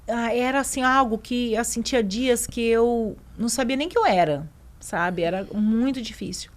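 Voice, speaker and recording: A woman's voice: fairly high pitch, moderate pace. A middle-aged woman from Brazil with a Brazilian accent, a mother telling her story earnestly as a podcast guest. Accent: Brazilian Portuguese. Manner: earnest, reenacts conversations while recounting. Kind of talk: personal storytelling in a podcast interview.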